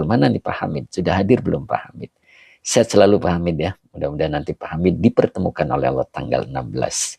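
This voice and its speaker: A man's voice: low-pitched, gravelly, warm tone, slightly rough, dry recording, studio quality. A man teaching as an Islamic scholar on a live stream, chatting and greeting viewers by name between grammar explanations. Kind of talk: live-streamed kitab study, reading comments aloud. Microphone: handheld camera he holds himself.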